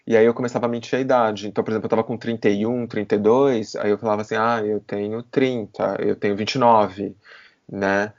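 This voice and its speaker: A man's voice: on the low side, flat delivery, brisk, a little mellow. Reflective man in his thirties, dull audio. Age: 30s. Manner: hesitant, repeats words and restarts while thinking aloud. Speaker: podcast host. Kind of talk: reflective casual chat. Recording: slightly dull podcast audio.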